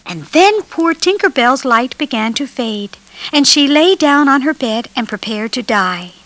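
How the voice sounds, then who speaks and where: A woman's voice: high voice, expressive, a little slow, fairly bright tone, no echo. A woman reading a children's storybook aloud as narrator, telling it expressively.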